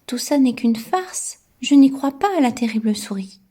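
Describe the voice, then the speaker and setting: A woman's voice: on the high side, expressive, normal speed, dark tone, husky. A woman voicing a curious, plucky young monster boy in a childlike voice, reading a storybook to a toddler. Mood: defiant.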